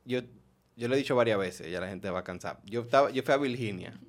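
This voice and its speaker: Speaking fast in a lowish voice, this man hosts a laid-back podcast where he spins funny stories, laughs often and performs character voices.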